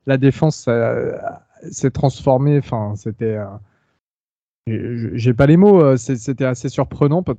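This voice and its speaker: A man hosts a casual podcast with a very dark, mellow voice and a hesitant delivery full of fillers and restarts. The sound is dry and a little dull, as from a home mic. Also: mid-range voice, unhurried, dry recording. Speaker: podcast host.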